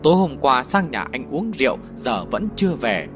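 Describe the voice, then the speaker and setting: A man's voice: medium pitch, sing-song, normal speed, over music, close to an everyday voice. A man voicing a blunt young village wife, pressing with questions. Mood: urgent. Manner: pressing, insistent.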